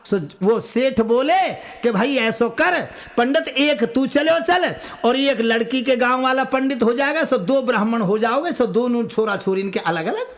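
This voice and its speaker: High-voiced rustic male folk storyteller. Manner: lively dialect narration, breaking into drawn-out song. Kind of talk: rural folk tale telling with sung refrains.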